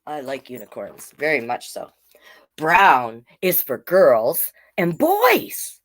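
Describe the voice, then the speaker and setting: Reading picture books aloud at a slow pace, a woman with a deep voice lets her pitch swoop wildly as she hosts a children's storytime. She keeps it playful and encouraging, chatting directly with the young viewers between pages.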